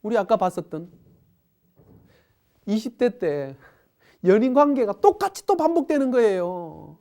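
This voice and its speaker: 생동감 넘치는 여성 강연자. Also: female voice, mid-range voice, measured pace. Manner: animated, acts out the people she describes. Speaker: parenting educator, lecturer. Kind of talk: parenting lecture.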